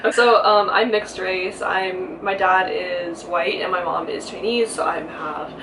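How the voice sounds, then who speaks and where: A young woman guest chatting casually and relaxed, often saying "um" and "like.". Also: on the low side, measured pace. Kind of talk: casual chat. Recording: echoey room, mic at a distance, background hiss.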